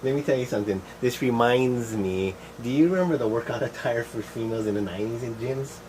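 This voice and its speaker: A man's voice: mid-range voice, fast, a little mellow, poor audio. Rambling middle-aged man, faint background hum. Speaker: show host. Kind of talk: casual, rambling chat. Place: shed. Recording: faint air-conditioner noise.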